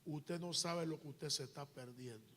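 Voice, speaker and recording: A man who is a pastor, preaching a sermon in church with rising, shouted intensity. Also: on the high side, moderate pace, a little hiss or hum. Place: church sanctuary.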